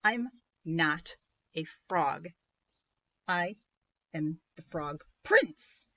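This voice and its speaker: A woman's voice: high-pitched, big pitch swings, measured pace, fairly bright tone, no echo, dull audio, pitched above the performer's own voice, exaggerated voice. A woman voicing an eager young frog prince who pleads insistently and gets flustered. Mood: pleading.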